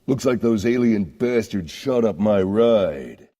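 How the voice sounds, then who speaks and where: A voice actor playing a cocky, angry adult action hero in a video game, delivering swaggering one-liners. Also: male voice, fairly low pitch, animated, slow, dark tone, voice pushed up. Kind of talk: video game character acting.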